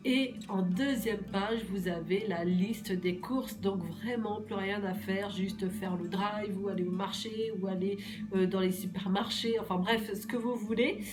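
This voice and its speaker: A woman from Normandy with a hoarse voice from a cold, chatting casually and reassuringly to her viewers about a weekly menu, with many fillers and repeats. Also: medium pitch, steady tone, unhurried, music in the background. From Normandy, France. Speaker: weight-loss menu vlogger.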